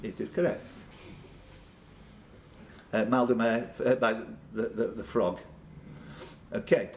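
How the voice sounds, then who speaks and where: Slow and a little mellow, this quiz host's mid-range voice holds a steady tone. At an indoor pub quiz he reads the questions aloud and then ad-libs playful chatter with contestants, with the room's noise audible behind him.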